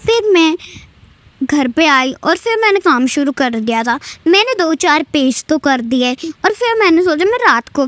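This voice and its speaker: Breathlessly, in a childish way, a little girl shares her devotee's testimony of a pilgrimage and her school day, repeatedly giving thanks to her guru. The recording is dry and her voice is high.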